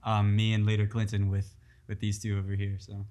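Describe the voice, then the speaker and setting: A man's voice: lowish voice, completely flat delivery, a little fast, darkish tone. A man in his early twenties, a band member, telling band history in an easygoing way. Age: 20s. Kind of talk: casual interview chat.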